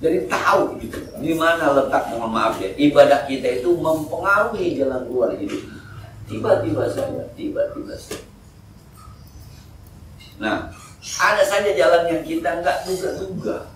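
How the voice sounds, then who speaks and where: Ustadz cracking jokes mid-sermon, roomy echo, sounds far from the mic. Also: male voice, a little high, normal speed, background noise. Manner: jokey, animated storytelling with lively voiced quotes. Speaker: preacher. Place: mosque hall. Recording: echoey mosque hall, mic at a distance.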